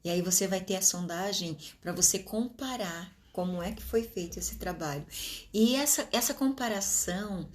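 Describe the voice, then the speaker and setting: A Brazilian woman speaks in a mid-range voice, coaching other teachers in a relaxed, chatty way. Her delivery is lively, with frequent little check-ins to her listeners and the odd word stretched out slowly to make a point. It sounds like a casual home recording on a phone or webcam. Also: mid-range voice. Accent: Brazilian Portuguese. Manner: animated, many tag questions like "tá?", stretches words slowly for emphasis. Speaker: teacher trainer. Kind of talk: informal teaching talk.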